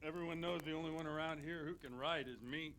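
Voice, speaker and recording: An actor playing a drunken, quarrelsome village priest in video game dialogue, brash and picking a fight. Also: male voice, a little high, fairly even intonation, moderate pace, crowd noise, natural voice. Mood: mocking.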